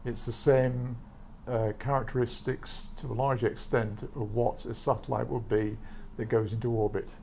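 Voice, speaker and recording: Male interview guest, creaky mellow voice, informal technical explanation, some background noise. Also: medium pitch, little pitch movement, normal speed, hardly any pauses. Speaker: interview guest, satellite society member. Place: livestream studio.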